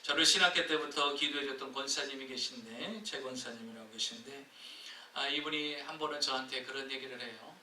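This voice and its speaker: A male pastor preaching a sermon, telling a story in a lively way and acting out the people in it, heard in an echoey church hall from a distance. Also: medium pitch, brisk, slight background noise.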